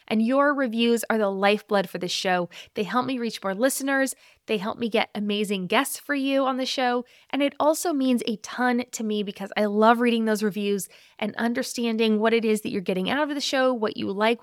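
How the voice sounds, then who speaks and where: A woman in her thirties hosting a podcast, talking in a chatty, upbeat way with direct appeals to listeners and a relaxed chat with her child. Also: a little high, no echo, studio quality. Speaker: podcast host.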